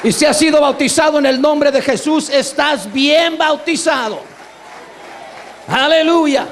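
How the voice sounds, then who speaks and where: A man preaching a sermon to a congregation, emphatic, asking for agreement and swinging between low asides and loud exclamations. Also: unhurried, a faint crowd, slight background noise. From Latin America.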